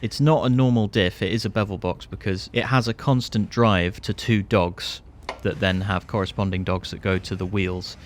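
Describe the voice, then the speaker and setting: A man's voice: on the low side, fairly even intonation, normal speed, few pauses, a little hiss or hum. A British man in his thirties narrating a restoration video in an understated, conversational way with casual asides. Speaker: host of restoration video series. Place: barn workshop. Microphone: clip-on lapel mic.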